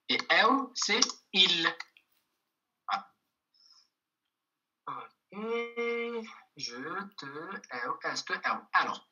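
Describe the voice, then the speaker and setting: A man's voice: on the high side, sharp tone, poor audio. A man teaching a language class online, patiently repeating each example and checking in with his students.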